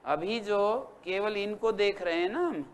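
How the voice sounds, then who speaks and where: A man's voice: high voice, a little hiss or hum. A man teaching a Sanskrit grammar class, patiently quizzing his students and reciting word forms one by one. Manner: patient, drills students with questions and repetition; spells out word forms slowly. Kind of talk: classroom lecture.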